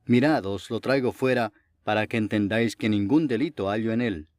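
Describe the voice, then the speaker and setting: A man voicing a stern, questioning male Roman governor in a Bible reading, his pitch rising on his questions. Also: normal speed, darkish tone, dry recording, studio quality, natural voice. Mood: firm.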